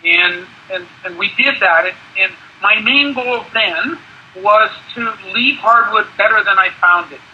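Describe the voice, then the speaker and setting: A man's voice: high voice, unhurried, lo-fi sound, slight background noise. A man in his sixties from Canada, a ski area manager and former coach, talking in an interview and often restarting his sentences. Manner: rambling with many restarts and repeated words. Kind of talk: conversational interview.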